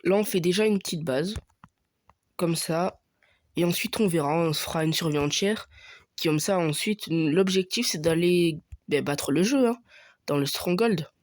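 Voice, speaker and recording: A man's voice: on the high side, moderate pace, dry recording, clean studio sound. A young man giving casual commentary over his own gameplay, thinking aloud with many hesitations and fillers. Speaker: gaming youtuber.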